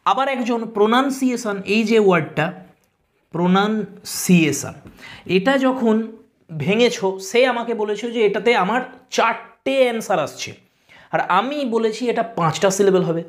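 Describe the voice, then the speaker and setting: Guy teaching a class, patient, breaks things down step by step. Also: sits high. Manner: patient, explains step by step, sounds out words slowly. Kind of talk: explanatory lesson.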